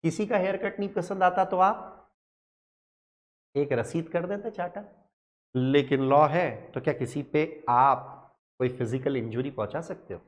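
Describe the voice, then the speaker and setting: Lively male law teacher. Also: a little high, measured pace. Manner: lively, rhetorical questions, mixes English terms into his talk. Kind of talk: classroom lecture.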